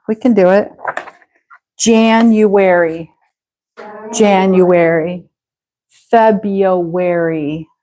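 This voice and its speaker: A woman with an Ohio accent teaching an English pronunciation class, slowly repeating words for her students to say after her. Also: mid-range voice, darkish tone. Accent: Ohio American English. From Ohio, USA. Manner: slow, patient, repeats words for students to echo. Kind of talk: live online English pronunciation lesson.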